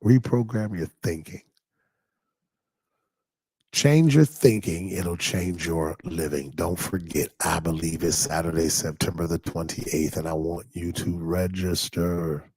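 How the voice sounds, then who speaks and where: A man preaching a conversational sermon as pastor, in a Detroit accent, who rises into high excited calls when stirred. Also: measured pace, husky, no echo, clean studio sound. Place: church in Detroit.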